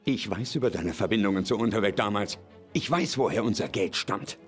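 A man's voice: on the low side, expressive, a little fast, soft background music, close to an everyday voice. An actor playing a distressed grown son in a video game, pleading with and accusing his father. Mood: questioning, accusing. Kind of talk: dramatic video game acting, German dub.

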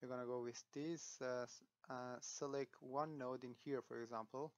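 With fairly even intonation, a man in a smooth, mid-pitched voice works through a software tutorial, thinking aloud. Fillers and restarted sentences mark his pauses, and the recording sounds dry and slightly dull.

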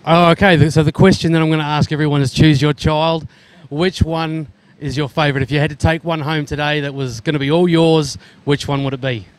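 A man in his thirties with an Australian accent roams a busy indoor expo hall, chatting to exhibitors on a handheld mic. Friendly and casual, he drops Aussie slang like "mate," speaking a little fast in a smooth, fairly even voice on the high side.

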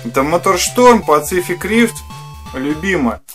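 A man in his thirties with a slightly high voice hosts an unboxing vlog. He rambles casually in slang with some swearing, with faint music behind him. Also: expressive, unhurried, fairly bright tone. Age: 30s. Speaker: host of a retro games channel. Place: small furnished room indoors.

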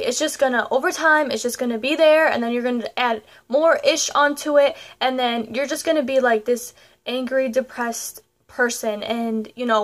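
Chatty young woman vlogger giving advice. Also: high-pitched. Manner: chatty, repeats "you know" and "okay". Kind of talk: casual advice vlog.

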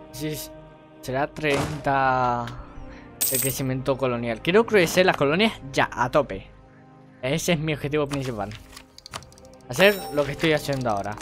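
A man from gives playful, rambling let's play commentary full of jokey asides. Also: medium pitch. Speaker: gaming YouTuber. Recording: music playing under voice.

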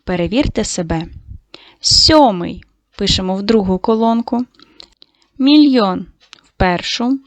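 A woman teaching a lesson to young schoolchildren, giving slow, clearly articulated instructions. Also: mid-range voice, lively intonation, dry recording. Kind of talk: online lesson for young children.

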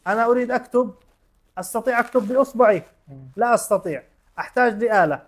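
A man's voice: extremely high pitch, very fast. A man teaching a religion class, explaining step by step with everyday examples and quizzing his students with short questions. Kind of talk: classroom lesson.

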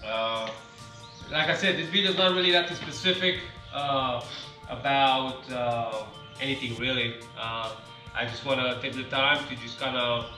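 A man's voice: mid-range voice, fairly even intonation, unhurried, sharp tone, distant mic, faint music behind. Man rambling in echoey garage. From Romania. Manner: rambling, many fillers. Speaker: car-building vlogger. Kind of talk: casual reflective monologue. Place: large home garage, indoors. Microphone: camera set some distance away on a ladder.

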